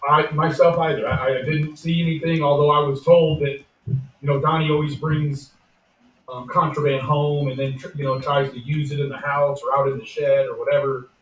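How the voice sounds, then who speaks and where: An easygoing man moderates a casual talk, speaking affectionately and chatting freely. His voice is a bit high for a man and sits well back from the microphone. An echoey room surrounds him. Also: flat delivery, moderate pace, distant mic, a little hiss or hum. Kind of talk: casual discussion.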